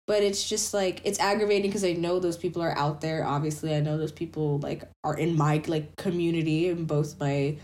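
A woman's voice: low-pitched, fairly even intonation, brisk, hardly any pauses, darkish tone. A young woman co-hosting a podcast, talking in casual chat with a nasal, stuffed-up voice and wry, teasing banter. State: congested, nasal. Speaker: podcast co-host.

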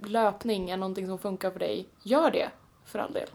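A woman's voice: mid-range voice, fairly even intonation, darkish tone. A woman in casual chat, talking openly and acting out her own past thoughts with lots of fillers.

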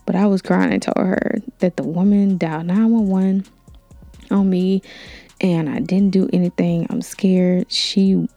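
A young woman hosting a podcast, telling a personal story in a candid, animated way, with slang. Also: fairly low pitch, a little slow, no echo, faint music behind. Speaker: podcast host. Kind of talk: story time.

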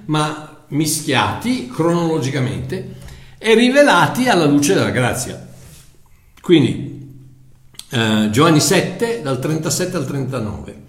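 A man's voice: fairly high pitch, echoey room. A man preaching a sermon in a conversational way, often repeating words as he searches for them.

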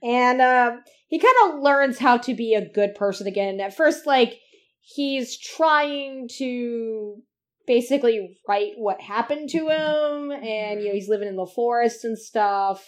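A fan podcast co-host talks in an unhurried, animated way, her voice fairly high in pitch. She meanders through her points, scattering lots of "like" and "uh" along the way.

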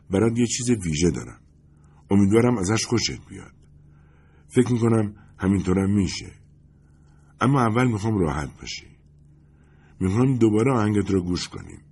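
A man doing an excitable, gushing friend. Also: slightly rough. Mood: eager. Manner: gushing and rambling, higher and louder than the narration. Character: excitable, effusive friend confessing jealousy. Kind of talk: audiobook character voice.

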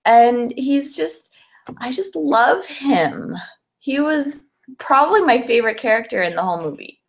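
This podcast co-host has a high, creaky voice with lively intonation and a measured pace. She talks about movies casually and with real enthusiasm, scattering "like" throughout her speech.

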